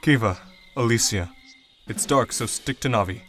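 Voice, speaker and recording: Man playing wry, protective tracker, middle-pitched. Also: normal speed, fairly bright tone, faint music behind, lightly acted. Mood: planning. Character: wry, protective male tracker leading young companions. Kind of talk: audio drama acting.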